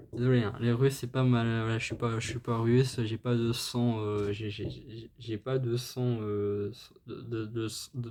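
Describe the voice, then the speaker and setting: A mid-range, dark-toned male voice belongs to a music-channel host casually covering a band's history. He's eager about the music yet halting, full of fillers and restarts, and says sorry as he trips over foreign names.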